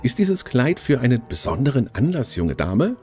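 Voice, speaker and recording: A man voicing a polite, reserved tailor in a game, with formal, measured speech. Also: mid-range voice, very animated, mellow, soft background music, lightly acted. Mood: courteous. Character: polite middle-aged tailor, courteous and reserved.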